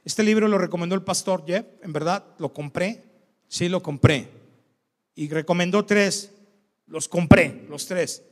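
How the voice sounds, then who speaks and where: A man's voice: high-pitched, a little slow. A man preaching a sermon as pastor, talking conversationally and keeping his congregation engaged with frequent questions. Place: church hall. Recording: long church-hall reverb.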